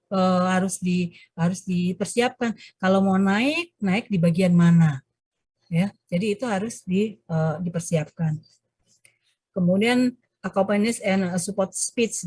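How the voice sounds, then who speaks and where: A woman's voice: slightly rough, no echo. Woman lecturing over a video call. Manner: explanatory, frequent hesitations and self-corrections; animated, shifts pitch to demonstrate examples. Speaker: university lecturer. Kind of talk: online class lecture.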